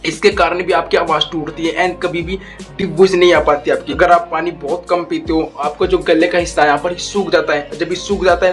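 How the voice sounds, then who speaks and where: A young man giving a casual spoken tutorial, talking slowly and deliberately and calling his viewers guys and bro. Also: a little high, fairly bright tone. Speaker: YouTube voice coach.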